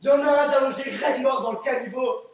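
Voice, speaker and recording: A teenage boy in an amateur stage play, acting a crude, hot-headed, bigoted male juror who rants and shouts. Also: very high-pitched, fairly even intonation, fairly quick, creaky. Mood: ranting. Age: teens. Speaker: student actor. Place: theatre stage, live performance. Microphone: distant room mic. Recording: echoey theatre from far off.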